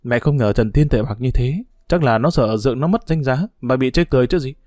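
A man voicing a caring middle-aged mother who reassures her daughter, gentle but firm. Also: mid-range voice, brisk, dry recording, clean studio sound, close to an everyday voice.

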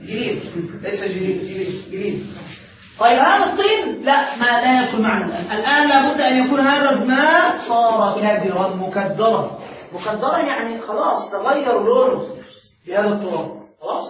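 High-voiced sheikh lecturing, echoey room. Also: male voice, brisk, noisy background. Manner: animated, asks the class questions and answers them himself. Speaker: sheikh teaching a class. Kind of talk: classroom lecture. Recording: echoey room, far from the mic, dull lo-fi.

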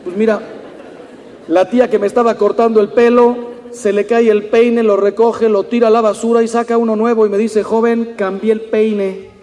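A Mexican priest in his fifties giving an animated talk, telling anecdotes and acting out the people in them. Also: sits high, a little fast. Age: 50s. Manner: storytelling, animated, mimics people in quotes. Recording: long hall reverb.

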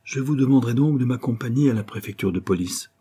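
Man doing a young grieving woman, pleading, sobbing, raised pitch, husky. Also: fast talker, warm tone, natural voice. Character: distraught young widowed banker's daughter. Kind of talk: audiobook reading.

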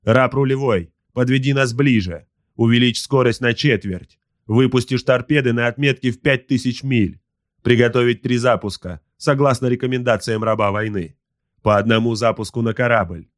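A man's voice: medium pitch, normal speed, no echo, studio quality, natural voice. A man voicing an arrogant, wrathful space marine captain in an audiobook, barking orders. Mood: commanding. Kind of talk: audiobook character voice.

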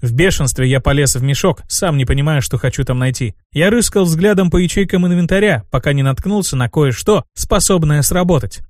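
A man narrates a first-person fantasy audiobook, his voice sitting a little high for a man. The delivery has a wry inner-monologue tone. It is recorded close and dry, with no room sound. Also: brisk, hardly any pauses, a little mellow, no room sound.

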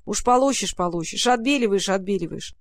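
A storyteller voicing an old, grumbling, soft-hearted male raccoon who sighs and mutters fussily. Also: mid-range voice, lively intonation, a little fast, no echo, close to an everyday voice. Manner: sighing, fussy muttering. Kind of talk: storybook reading.

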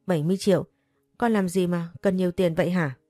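A woman voicing a kind, patient father who talks gently and reassuringly with his daughter. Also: on the low side, fairly even intonation, fast talker, no room sound, clean studio sound, soft background music, natural voice. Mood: gentle.

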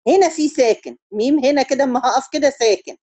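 A woman with an Egyptian Arabic accent teaching a tajweed lesson on Quran recitation. She explains step by step, keeps checking that her students follow, and chants drawn-out syllables to show the correct reading. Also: high voice, mellow, no room sound.

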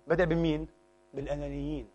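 Man giving a sermon, talks fast and lively, high voice. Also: muffled recording. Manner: animated, mixes formal Arabic with colloquial dialect, acts out quoted voices. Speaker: preacher.

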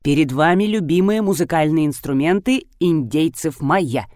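A woman voicing a pompous male animal psychologist who gives grand, rapid instructions in a lowered voice. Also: expressive, a little mellow, no room sound, studio quality.

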